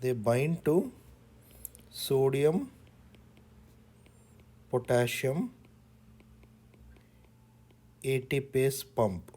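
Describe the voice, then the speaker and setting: A man teaching pharmacology in a slow lecture, repeating key words in short, deliberate phrases. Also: medium pitch, lively intonation, darkish tone, husky.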